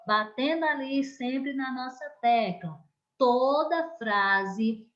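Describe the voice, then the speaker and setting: Slow-talking Brazilian teacher, a woman. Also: high voice, muffled recording. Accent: Brazilian Portuguese. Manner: slow, careful, emphatic classroom delivery. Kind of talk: online class lesson for young pupils.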